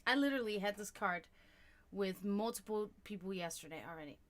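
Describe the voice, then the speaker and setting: Reading tarot on a live stream, this native German speaker, born and raised in Germany, chats warmly with her viewers in a mid-range voice at a fairly quick pace. She's animated, laughs a lot and addresses the chat directly.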